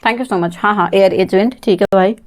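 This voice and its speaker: A woman's voice: mid-range voice, normal speed. A woman teaching a live online exam-prep English lesson, calling on students by name, spelling words letter by letter and laughing often. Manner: reads chat names, asks class for answers, laughs often.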